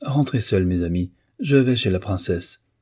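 A man's voice: low-pitched, animated, measured pace, a little mellow. A man voicing a proud, secretive young male violinist in a storybook reading, speaking curtly and touchily. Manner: curt, touchy.

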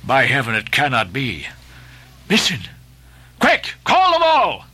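A man's voice: medium pitch, huge pitch swings, slow, sharp tone, breathy edge, exaggerated voice. A man voicing an obsessed old sea captain who barks orders in grandiose, archaic speech. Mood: commanding. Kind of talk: dramatic audiobook reading.

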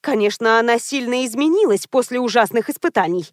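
A woman voicing a pushy, scheming female publicist who talks briskly and confidently in an audiobook. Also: a little high, expressive, no room sound, clean studio sound, lightly acted.

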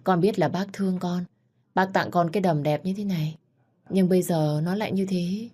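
A woman's voice: lowish voice, a little fast, lightly acted. A woman voicing a scheming, two-faced young woman who talks sweetly and shrilly. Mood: sugary.

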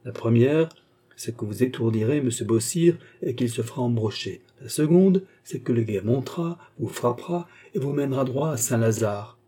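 A man voicing a calm, mildly mocking gentleman who speaks unhurried and polite in an audiobook reading. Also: mid-range voice. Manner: smooth, unhurried, politely ironic.

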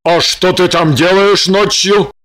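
A woman voicing a sleepy, doting husband who calls out to his wife in slow, drawn-out words. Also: on the low side, fairly even intonation, fairly bright tone, no echo. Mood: calling. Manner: drawn-out, calling from afar.

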